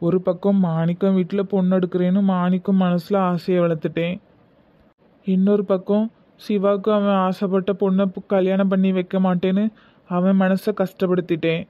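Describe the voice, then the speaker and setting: Cartoon father, middle-aged and worried, played by a man; Tirunelveli Tamil accent, brooding and soft, dry lo-fi sound. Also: high voice, flat delivery, moderate pace, dry recording, close to an everyday voice. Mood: troubled. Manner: soft, brooding self-questioning. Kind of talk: cartoon voice acting. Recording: tinny phone-like sound.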